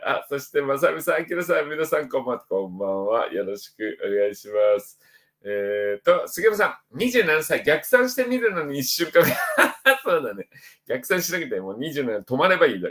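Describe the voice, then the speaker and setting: Chatty middle-aged man with a lively voice. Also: fairly high pitch. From Osaka, Japan. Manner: chatty and upbeat, voice jumps up when reading out names. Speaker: spiritual counselor host. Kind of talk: casual livestream chat reading viewer comments.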